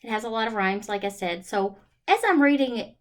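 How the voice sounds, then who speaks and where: A woman leads storytime for little kids, her pitch sitting a little high. She speaks in an encouraging, exaggerated child-directed manner, asking questions and pausing.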